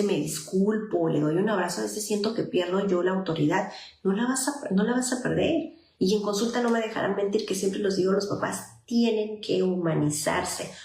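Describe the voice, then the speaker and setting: A Mexican woman speaks as a psychologist, counseling parents in an earnest, chatty way. Her voice sits mid-range and pauses on fillers. The room rings with echo. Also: mid-range voice, a little mellow. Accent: Mexican Spanish. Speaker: psychologist giving parenting advice. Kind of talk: informal advice talk to parents.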